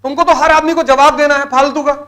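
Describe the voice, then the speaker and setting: A man's voice: very high-pitched, steady tone, fast, fairly bright tone. A middle-aged man giving a motivational lecture to exam students, exhorting them with blunt commands and repeating key words for emphasis.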